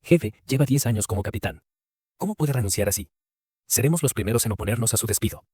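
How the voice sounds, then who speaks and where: A man voicing a loyal, grumbling male sailor who pleads with his captain in a slow, drawn-out way. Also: medium pitch, animated, warm tone, slightly rough, no room sound. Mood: pleading.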